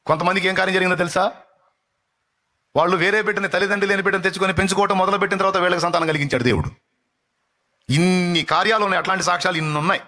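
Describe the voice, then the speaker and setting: A male pastor preaching a fiery live sermon, exhorting and rebuking with rapid repetitions. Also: high-pitched, steady tone, pushed and bright. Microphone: live-stream microphone.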